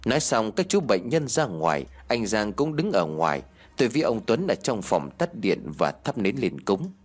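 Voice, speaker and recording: A man's voice: lowish voice, big pitch swings, moderate pace. Man narrating a ghost story. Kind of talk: scripted horror story narration.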